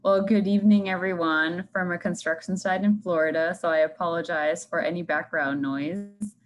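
A woman's voice: on the low side, steady tone, moderate pace, poor audio. A woman board member giving an upbeat prepared speech at an online event, from a construction site. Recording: faint construction background noise.

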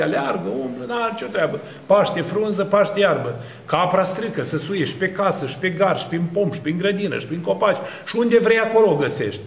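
High-voiced preacher man in an echoey room. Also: slight background noise. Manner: lively preacher with rhetorical questions and long lists. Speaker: Orthodox priest. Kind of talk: sermon.

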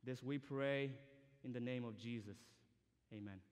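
Speaking from the stage of a large indoor auditorium, this young guest preacher from Myanmar delivers an earnest, polite, conversational sermon to students in English, though his first language is a Myanmar language. His mid-range voice is clean in tone and a little slow. The hall gives the recording a reverberant sound.

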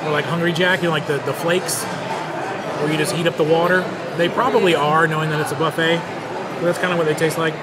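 Inside a busy casino buffet restaurant, a man gives a relaxed, chatty on-camera food review while eating, thinking aloud between bites. His voice is on the high side and a little fast. The recording is very noisy, full of loud diners, crowd chatter and dish clatter.

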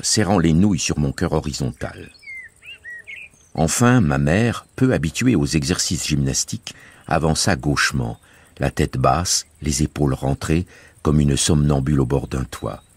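Deep, husky male radio storyteller. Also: no echo. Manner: measured, expressive storytelling. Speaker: reader. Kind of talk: reading of a novel as radio serial.

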